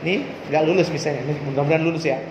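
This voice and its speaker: A man's voice: on the high side, fast. A man giving a motivational storytelling talk to students, asking rhetorical questions. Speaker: school orientation speaker. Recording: echoey hall, dull sound, faint noise.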